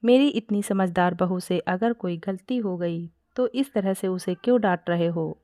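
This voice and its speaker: A woman reading aloud voices an indulgent elderly father-in-law who defends his daughter-in-law. He speaks gently and patiently in a storybook reading. The sound is dry and close. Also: on the low side, unhurried, dry recording, close to an everyday voice.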